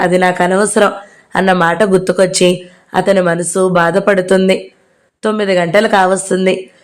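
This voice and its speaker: A woman narrating an audio novel in a steady storytelling read. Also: medium pitch.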